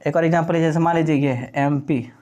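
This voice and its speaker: A man's voice: a little high, fairly even intonation, quick pace, a little mellow. A man teaching English grammar in Hindi, asking questions and answering them himself and spelling words out letter by letter. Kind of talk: classroom-style lecture.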